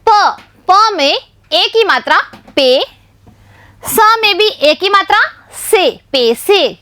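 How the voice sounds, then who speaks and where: Slow, patient woman teaching letters. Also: very high voice, lively intonation, a bit bright, no echo. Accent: Rajasthani Hindi. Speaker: primary school teacher. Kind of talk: Hindi spelling lesson for young children.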